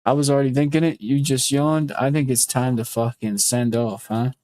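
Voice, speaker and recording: A man's voice: medium pitch, steady tone, normal speed, darkish tone, no room sound. Loose, joking man on a dry close mic. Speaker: podcast host. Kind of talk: casual chat.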